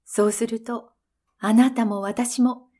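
A woman's voice: fairly high pitch, fairly even intonation, slow pace, warm tone. A woman reading a storybook, voicing a tearful, frightened young princess who speaks anxiously. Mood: fearful. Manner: anxious, pleading.

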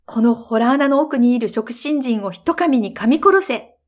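A woman's voice: on the high side, animated, measured pace. A woman doing a brave young hero. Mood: commanding. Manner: firm commands.

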